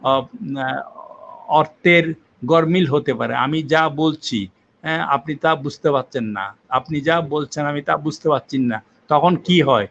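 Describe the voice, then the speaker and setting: An older man with a slightly high voice lectures patiently, building his point with examples and pausing on fillers. The recording is muffled and lo-fi, like an old interview tape. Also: vocal fry, fairly bright tone, slight background noise. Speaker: linguistics professor. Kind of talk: explanatory academic interview.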